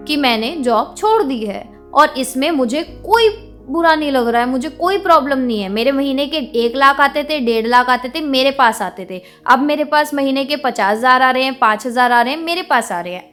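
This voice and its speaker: Young woman vlogger, higher voice, outspoken and indignant rant, faint music underneath. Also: animated, moderate pace, fairly bright tone. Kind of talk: venting monologue to camera.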